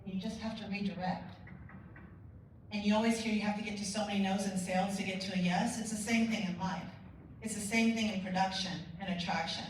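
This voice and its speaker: A woman delivers an energetic keynote full of stories and quoted conversations. She sounds a little distant from the mic, in a very echoey hall with a faint room hum behind her. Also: medium pitch, a little fast. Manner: energetic storytelling with quoted dialogue. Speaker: motivational speaker. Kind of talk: conference keynote speech. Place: large conference hall.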